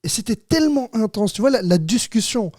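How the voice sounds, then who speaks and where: A Moroccan man in his thirties with a Rifian accent hosts a casual podcast from a small, warm studio, telling stories and laughing easily while repeatedly saying "tu vois" ("you see"). His high-pitched voice is expressive, brisk and darkish in tone, and the recording is dry.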